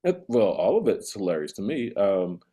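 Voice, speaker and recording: Male, soft-edged mellow voice, conversational comic rant, emphatic repeats, mounting exasperation. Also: on the low side, very animated, normal speed, slightly rough.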